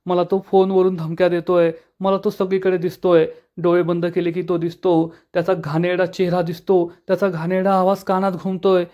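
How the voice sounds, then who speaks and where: A man's voice: sits high, completely flat delivery, normal speed, few pauses, muffled recording, pitched above the performer's own voice, lightly acted. A man voicing a frightened young woman, speaking in a fearful, pleading way.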